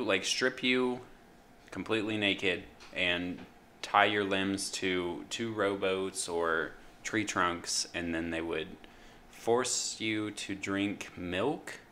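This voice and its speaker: Young male podcast co-host, deep and slow, hesitant explainer, bright edge, faint hiss behind. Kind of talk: casual chat.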